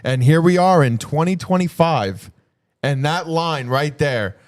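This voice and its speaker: A man co-hosting a podcast in casual political chat, blunt and quick to agree and chime in. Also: a little high. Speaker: podcast co-host.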